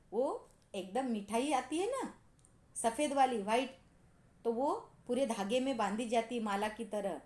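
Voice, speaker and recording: A woman's voice: a little high, a little mellow, reverberant. A woman teacher explaining a story lesson to her pupils, asking them questions and repeating key points. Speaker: school teacher.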